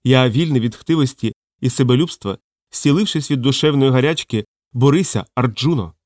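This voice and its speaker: A man's voice: mid-range voice, moderate pace, a little mellow, no room sound, studio quality, natural voice. A man reading an audiobook, voicing a magic mirror that recites with idiotic, pompous solemnity. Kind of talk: audiobook character voice.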